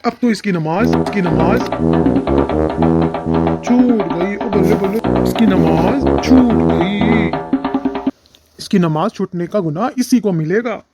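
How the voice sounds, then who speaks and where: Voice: medium pitch, normal speed, few pauses, over loud music, close to an everyday voice. A performer playing a scheming male devil who chuckles and coaxes a child in a moral short film. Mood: gleeful. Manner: gleeful, chuckling, coaxing.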